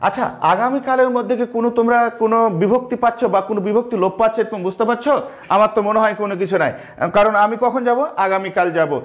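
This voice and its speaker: A man with a Bangladeshi Bengali accent teaches an online grammar class in a fairly high voice. He goes slowly, repeating each key term and posing questions he then answers himself. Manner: slow, repeats key terms, asks and answers his own questions.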